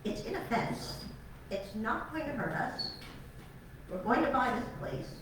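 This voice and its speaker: An older woman, born in Alabama and raised on Long Island, tells personal stories to an audience in a large meeting hall. A retired teacher turned cattle farmer, she's chatty, emotional and self-deprecating, with a high-ish, animated, unhurried voice. A far room mic picks her up, so the sound is noisy and echoey from a distance.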